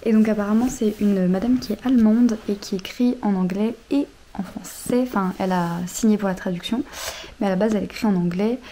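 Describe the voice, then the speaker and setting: A young woman in her twenties chatting casually about books in a vlog, with many fillers and soft, half-whispered asides. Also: medium pitch, fairly quick, a little hiss or hum. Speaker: vlogger. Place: outdoors near road traffic.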